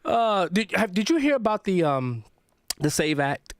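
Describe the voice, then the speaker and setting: A man's voice: high voice, big pitch swings, measured pace, smooth, no echo, clean studio sound. A man hosting a radio talk show, bantering playfully and laughing, often restarting his phrases. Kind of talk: casual on-air banter. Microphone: studio microphone.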